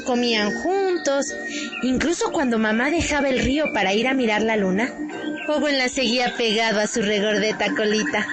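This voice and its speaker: A woman with a high-pitched voice narrates a children's storybook. Her delivery is bright and sing-song, clearly aimed at little listeners. Prominent music plays underneath her reading. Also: low-quality recording.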